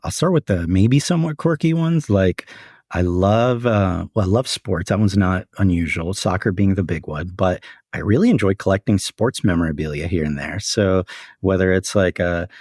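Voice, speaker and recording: A man, a company CEO, giving measured and reflective interview answers, often saying "frankly" and "right?". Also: low-pitched, darkish tone, no room sound, clean studio sound. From United States.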